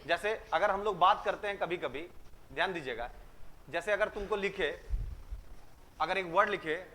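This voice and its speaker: A man's voice: high-pitched, moderate pace, bright, forceful tone, a little hiss or hum. A man teaching a class, telling jokes and quizzing students and repeating their answers back. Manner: joking storyteller, fires questions at students and repeats their answers.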